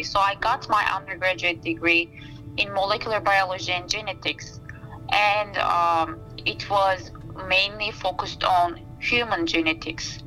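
A woman in her thirties from Turkey, speaking English with a Turkish accent, talking thoughtfully about her research and often pausing to find her words. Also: medium pitch, pushed and bright, rough recording. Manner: thoughtful, searching for words with frequent fillers. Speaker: researcher, interview guest. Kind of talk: casual interview talk. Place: outdoors by a campfire.

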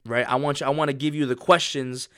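A man's voice: mid-range voice, steady tone, fast talker, a bit bright, smooth, dry recording, clean studio sound. A young man giving a blunt, profane motivational pep talk, pushy and repetitive. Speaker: motivational speaker.

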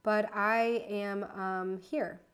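At home in her apartment, an American woman in her thirties talks casually on her solo podcast, rambling and correcting herself with slight nervousness. Her clear, resonant voice sits at a middle pitch, with fairly even intonation, delivered very slowly.

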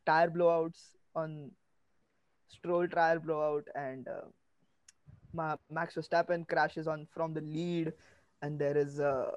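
Man chatting, slightly high voice. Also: darkish tone, dry recording, lo-fi sound. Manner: exclamatory, repeats phrases. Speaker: motorsport podcast panelist. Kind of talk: casual chat.

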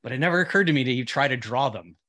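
A man hosting a casual interview, chatting and backing up his guest with quick agreement. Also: medium pitch, animated, bright, forceful tone. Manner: agreeable, frequent short affirmations. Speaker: interview host.

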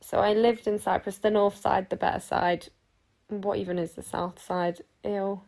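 Hosting her podcast, a Sheffield woman of eighteen rambles chattily, cutting herself off and giggling through asides. Her medium-pitched voice is creaky and a little mellow, with a flat delivery at normal speed.

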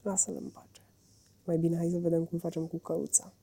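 A firm, irritable male water rat, as a woman reading a storybook puts him on, blunt and quick to shout. The voice is low and gravelly. The tone is dark and husky. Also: little pitch movement.

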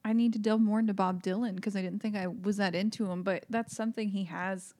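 A woman's voice: mid-range voice, steady tone, brisk, darkish tone. A woman in casual chat about music, hesitant and thinking aloud with many fillers.

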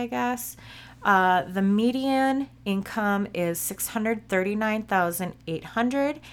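Woman doing a casual story podcast, takes her time, kinda sweary and informal. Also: medium pitch. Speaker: podcast host.

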